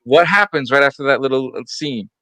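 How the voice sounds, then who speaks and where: Bright-voiced man hosting a panel chat. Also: medium pitch, animated, a little fast, dry recording. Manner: steers the talk, calls on panelists by name. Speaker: podcast host. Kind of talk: casual panel discussion.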